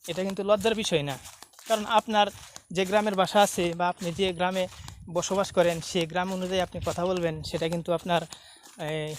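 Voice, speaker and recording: A man's voice: high voice, slight background noise. A man from Mymensingh with a Mymensingh Bengali accent, walking outdoors by fields and a dry canal and chatting casually to a phone camera, repeating himself and mixing dialect with standard speech. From Mymensingh, Bangladesh. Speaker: vlogger.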